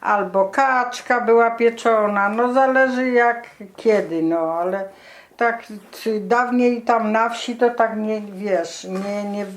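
A woman's voice: a little high, slow. An elderly woman reminiscing casually as a grandmother, explaining things in a colloquial, matter-of-fact way. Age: 70s or older. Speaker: grandmother being interviewed.

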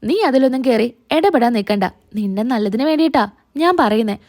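A woman voicing a calm older father giving his wife advice. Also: fairly high pitch, a little fast, pitched below the performer's own voice. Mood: advising. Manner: calm, advising.

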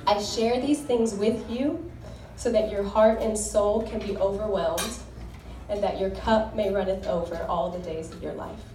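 In a wedding reception hall, a young woman gives an earnest, heartfelt toast as the groom's sister, reading scripture in a devout tone. Her voice is medium in pitch, warm and unhurried. The recording is echoey, captured from far off, with a little hiss or hum.

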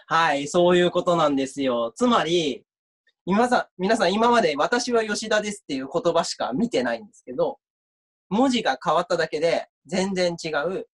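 A man's voice: on the high side, breathy edge. A university lecturer giving an online mock class, chatty and reading out viewer comments as he talks.

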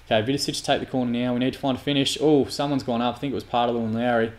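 Man, football game commentary, frustrated, sweary, mid pitch. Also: fairly even intonation, racing. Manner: frustrated, sweary, exasperated outbursts. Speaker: gaming YouTuber.

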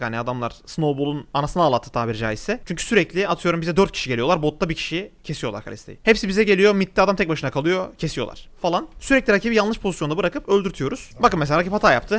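Rapid-fire male gameplay commentator. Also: fairly high pitch, fairly bright tone. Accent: Turkish. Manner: rapid, chatty, exclaims at the game and the viewers. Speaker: gaming YouTuber. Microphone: desk mic at a gaming setup.

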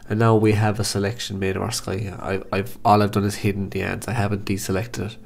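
A man with a blocked-up, nasal voice from hay fever, calmly talking through a software photo-editing tutorial step by step. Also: lowish voice, a little fast, vocal fry. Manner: calm step-by-step instructions. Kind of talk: screen-recorded software tutorial.

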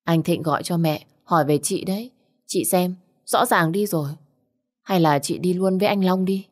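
A woman's voice: fairly low pitch, normal speed, close to an everyday voice. A woman reader voicing an anxious, caring younger sister who pleads urgently. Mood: pleading.

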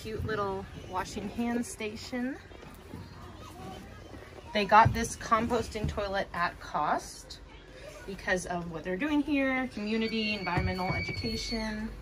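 Walking through an outdoor school on a wooded farm, this American vlogger chats casually, slightly breathless, and exclaims over her discoveries. She speaks in a mid-range voice at an unhurried pace against a noisy background.

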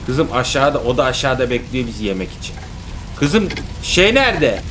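Excitable young dad gaming host. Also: male voice, mid-range voice, brisk, heavy background noise. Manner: excitable, dramatic exclamations, teasing. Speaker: father and gaming channel host. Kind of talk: casual let's-play commentary. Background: background music.

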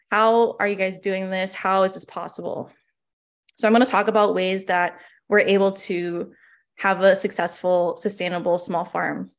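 A woman in her twenties from Hawaii, a small farm owner giving a conference presentation over a video call, talking casually with many fillers. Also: medium pitch. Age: 20s.

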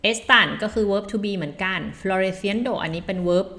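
A woman from Thailand teaching Spanish vocabulary in a casual, chatty way, reading example phrases slowly and laughing at her own slips. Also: mid-range voice, bright, forceful tone. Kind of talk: casual language lesson.

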